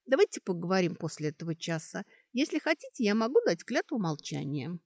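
A nervous young male elf, as a woman reading a storybook puts him on, speaking low and hesitant, almost in a whisper. The voice sits on the reader's own dark, lively register. The recording is dry and close. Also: brisk, dry recording. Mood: subdued.

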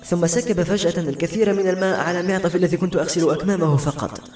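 A man narrating a novel in the first person, in an expressive storytelling manner. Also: high voice, racing. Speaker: audiobook narrator. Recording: echoey room with faint music. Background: faint background music.

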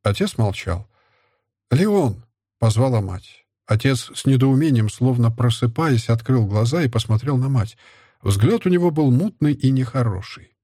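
A male narrator reads an audiobook in a steady, measured voice with a husky grain. His pitch sits in the middle of the range, and the dry, close recording leaves no room sound. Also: no room sound.

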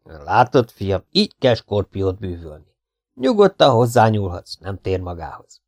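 A fat, rude scorpion charmer who scolds and brags in an unhurried, low voice, as a male audiobook reader puts him on. He sounds sly and self-satisfied. The recording is close and dry. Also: very animated, darkish tone, dry recording. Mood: smug. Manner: blunt, scolding, slow and cocky. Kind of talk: audiobook character voice.

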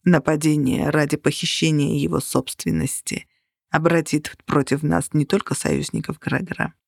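A reader doing a calm, sad ancient vampire. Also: mid-range voice, vocal fry, dry recording, studio quality, pitched below the performer's own voice. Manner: quiet and measured.

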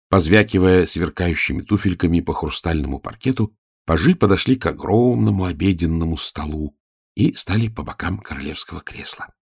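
A man narrating a fairy-tale audiobook with a husky, gravelly voice. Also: deep voice, no room sound, clean studio sound.

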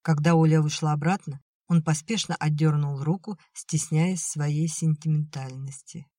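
Scripted narration of a novel, delivered by an audiobook narrator in an even, measured manner. The medium-pitched voice comes through clean studio audio with no echo.

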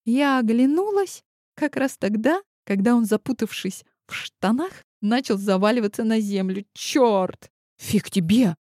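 A woman narrating a story in the first person, lively and expressive. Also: a little high, normal speed, dry recording, studio quality. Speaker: audiobook narrator.

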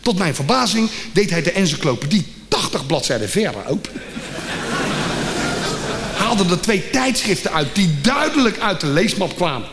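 A man from The Hague tells a comic story on stage, in a slightly high voice that jumps about as he acts out every voice. The live theatre recording carries a long hall reverb, with audible background noise and audience laughter. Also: a bit bright. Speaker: comedian.

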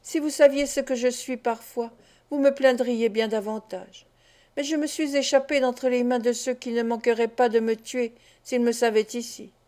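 A woman's voice: fairly high pitch, steady tone, normal speed, warm tone, close to an everyday voice. A woman reading a desperate young street woman. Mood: pleading. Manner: pleading, tearful.

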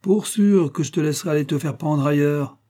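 A man's voice: medium pitch, normal speed, warm tone, close to an everyday voice. A man reading an audiobook, voicing a cocky young Parisian street lad who talks in a boastful, slangy way.

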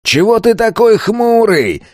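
A man voicing a loud, crude bandit who yells coarsely across a stadium. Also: mid-range voice, normal speed, dry recording, clean studio sound, pitched above the performer's own voice, close to an everyday voice. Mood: brash. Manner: yelling, coarse. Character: loud crude male bandit, brash then panicky.

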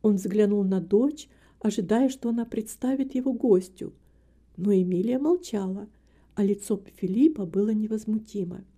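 A woman narrates an audiobook with a measured, expressive delivery. Her voice is dark and mellow, at a middling pitch. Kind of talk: scripted narration.

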